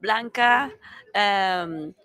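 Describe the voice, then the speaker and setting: A woman's voice: medium pitch, extremely slow, bright, forceful tone, no room sound. A middle-aged woman with a Mexican accent, a native Spanish speaker, answers interview questions in English, hesitating, searching for words and laughing often. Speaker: interview guest, company founder. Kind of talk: casual conference interview.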